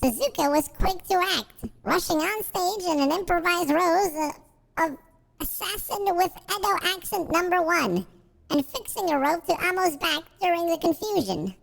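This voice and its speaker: A tiny, squeaky chipmunk voice reads out game text, sky-high and gravelly at once. The pitch bounces all over, and a long reverb tail trails behind each line. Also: male voice, animated, normal speed, a bit bright, heavily acted. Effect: sped-up chipmunk voice filter. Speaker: game streamer reading game text. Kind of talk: reading on-screen game text aloud.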